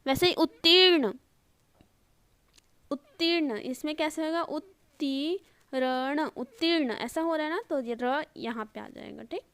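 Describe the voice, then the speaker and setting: A woman's voice: high-pitched, unhurried, fairly bright tone, dry recording. A woman teaching an online spelling lesson, explaining step by step and repeating each word with frequent checks like "okay?". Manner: explains step by step, often repeating words and asking "ठीक है".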